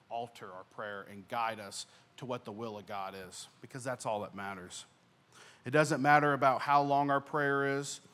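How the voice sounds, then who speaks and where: Young male pastor preaching on a church stage, handheld mic, earnest delivery that swells on key points and softens at phrase ends. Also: medium pitch. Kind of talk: sermon.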